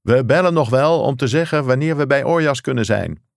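A man voicing an exasperated policeman who shouts into a crackling telephone, in an audiobook reading. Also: medium pitch, brisk, creaky, dry recording, studio quality, voice pushed up, close to an everyday voice. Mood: shouting, exasperated. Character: adult male policeman shouting into a bad phone line.

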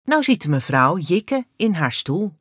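A woman reading a children's book aloud in an expressive storytelling manner. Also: lowish voice, unhurried, slightly rough, no room sound, clean studio sound.

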